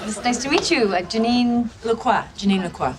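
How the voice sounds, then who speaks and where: Actress doing a friendly young Australian dancer, polite, plain-spoken, heavy background hiss. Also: female voice, a little high, expressive, brisk, lightly acted. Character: friendly young woman dancer, new roommate. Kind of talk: sitcom acting. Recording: loud noisy TV clip audio.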